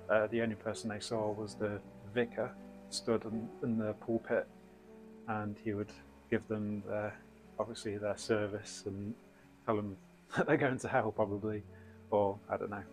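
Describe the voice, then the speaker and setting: A man in his thirties hosting a paranormal investigation channel, talking casually to camera from a small indoor room with plenty of ums and uhs. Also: lowish voice. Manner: relaxed, rambling, frequent ums and uhs.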